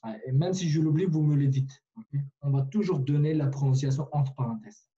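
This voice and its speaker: A man's voice: a little high, fairly quick, dark tone, muffled recording. A man teaching a language online in a patient way, repeating himself with many fillers and restarts, over a video call.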